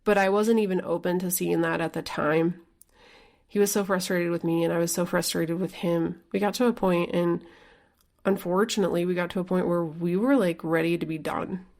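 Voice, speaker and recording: A woman's voice: lowish voice, fairly even intonation, normal speed, gravelly, a little mellow. A woman hosting her own podcast as a life coach, talking candidly and casually in a solo monologue, filling her speech with "like" and the odd swear word. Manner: chatty, frequent "like" fillers, candid with mild swearing.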